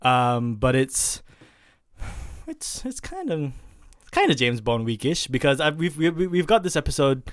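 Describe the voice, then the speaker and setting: A man's voice: a little high, sing-song, normal speed, no echo, studio quality. A man hosting a podcast in casual chat, rambling and correcting himself as he goes. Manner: rambling, with many fillers and self-corrections. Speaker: podcast host.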